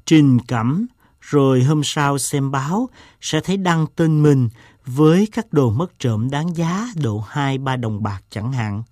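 A man voices an eccentric gentleman in a storybook reading. He tells his tale slowly and deliberately, with a self-mocking tone. The sound is close and dry. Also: mid-range voice, lively intonation, no room sound. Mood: wry.

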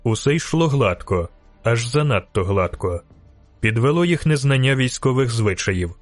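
A man reading a fantasy novel aloud in steady, scripted audiobook narration. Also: mid-range voice, moderate pace, no room sound, soft background music.

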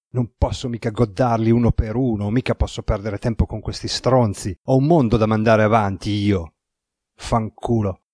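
A man's voice: fairly low pitch, a little mellow, slightly rough, no room sound, studio quality. A man voicing a grim, commanding man with godlike power who talks curtly and swears when angry.

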